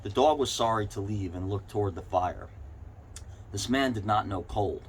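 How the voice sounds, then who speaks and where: A man's voice: on the low side, moderate pace. A man reading a short story aloud, stumbling slightly over words now and then. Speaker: reader. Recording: clearly noisy background ambience.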